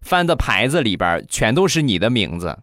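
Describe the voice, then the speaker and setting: A man voicing his sharp-tongued young wife in a comic sketch, mocking and scolding in a raised, shrill voice. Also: very animated, normal speed, noisy background. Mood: coaxing.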